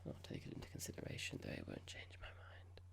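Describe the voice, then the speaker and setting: A lightly acted performance casts the speaker as a cold, smug corporate boss in whispered ASMR. Slow, deliberate, breathy and creaky, the voice uses pretend politeness while sounding dismissive and condescending.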